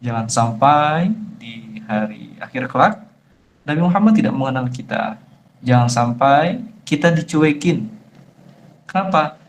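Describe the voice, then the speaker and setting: A man's voice: mid-range voice, expressive, measured pace, pauses often, slight background noise. A young man with a Sumatran, Palembang-tinged Indonesian accent, an ustadz giving a chatty, firm Islamic lecture to friends in an online session over a phone call. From Jambi, Sumatra. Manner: chatty, addresses listeners as friends, firm emphatic tone. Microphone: phone on a video call.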